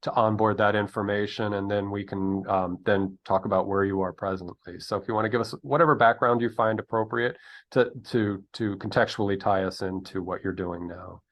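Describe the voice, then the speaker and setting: Low-ish voice guy hosting an interview, friendly, lots of um and uh. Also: steady tone, a little fast, fairly bright tone. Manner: friendly, filler-heavy with many ums. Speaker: interview host. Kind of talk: casual interview talk.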